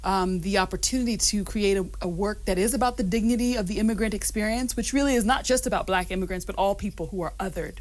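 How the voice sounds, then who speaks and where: A woman guest on a radio show talks thoughtfully in a studio, reflective and sincere. Her speech is dotted with ums and soft laughter. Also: medium pitch, quick pace, hardly any pauses. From Rwanda and Uganda, raised mostly in the United States. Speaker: guest singer-songwriter.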